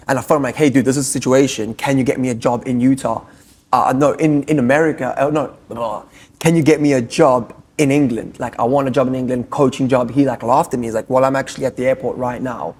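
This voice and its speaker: A husky-voiced young man with a South African accent talks as a podcast guest, pitched in the middle for a man. He tells his story loosely, piling up fillers and quick asides in a relaxed chat.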